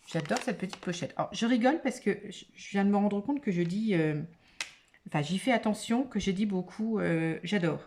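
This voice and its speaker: A woman's voice: medium pitch, moderate pace, darkish tone. A woman vlogger opening craft mail in a casual chat to camera, gushing and exclamatory, full of little fillers.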